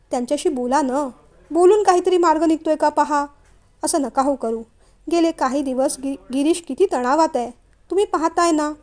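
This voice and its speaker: Brief: woman playing an anxious storybook mother, pleading, high-pitched. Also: warm tone, close to an everyday voice. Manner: pleading, coaxing. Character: worried pleading middle-aged mother.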